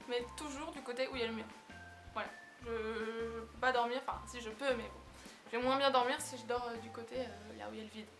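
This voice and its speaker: Young woman, vlogger, bright tone, relaxed and giggly. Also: on the high side. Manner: chatty, relaxed, laughs often, many fillers. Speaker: beauty vlogger. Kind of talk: casual vlog answering tag questions.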